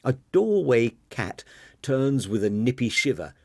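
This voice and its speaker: A man narrating a novel as an audiobook in a dramatic, expressive reading. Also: mid-range voice, unhurried, creaky, no echo, clean studio sound. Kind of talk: scripted narration.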